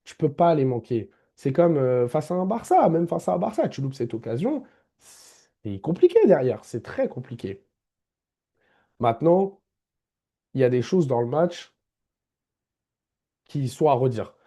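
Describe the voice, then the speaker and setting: A man's voice: fairly high pitch, sing-song, a little slow, long pauses, dark tone, slightly rough. A man giving a casual football match debrief as a vlogger, emphatic, repeating his key points and addressing viewers directly.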